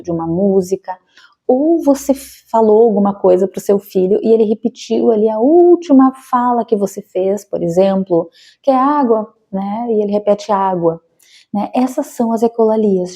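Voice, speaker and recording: A woman's voice: mid-range voice, dark tone, slightly rough. A Brazilian educational psychologist, a woman, explains a topic to parents in a friendly, conversational way, often checking in with tag questions.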